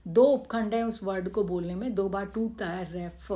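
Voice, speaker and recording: Indian woman, grammar teacher, patient step-by-step explainer, mid-pitched voice. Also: moderate pace, dark tone. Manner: explains step by step, asks and answers her own questions. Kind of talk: classroom grammar lesson.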